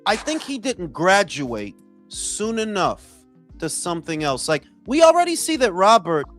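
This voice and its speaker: A man's voice: sits high, big pitch swings, unhurried, fairly bright tone, soft background music. A man leading a casual boxing discussion in a slangy way, repeating phrases for emphasis. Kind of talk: casual chat.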